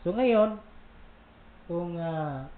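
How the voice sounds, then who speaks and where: A man's voice: high-pitched, lively intonation, drawn-out words. A man co-hosting a casual religious talk program, explaining at length with asides and laughs. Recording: roomy, tinny phone-like sound with faint noise.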